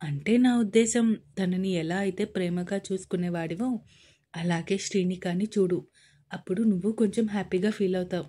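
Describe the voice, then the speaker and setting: A woman voicing a caring, playful young wife who coaxes gently in a romance story. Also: medium pitch, moderate pace, lightly acted. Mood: coaxing.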